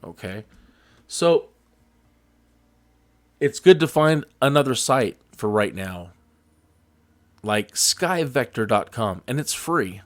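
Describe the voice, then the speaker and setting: A man's voice: mid-range voice, animated, slow, pauses often. A man hosting a flight simulator tutorial, talking in a casual, rambling, jokey and folksy way.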